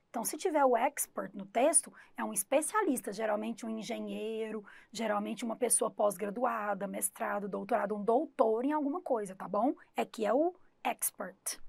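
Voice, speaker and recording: English teacher lady, kinda high voice with some fry, asks the class questions as she explains, dry sound. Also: normal speed, hardly any pauses, a little mellow, no echo. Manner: explains with rhetorical questions and vivid retold examples. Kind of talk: recorded exam-prep class.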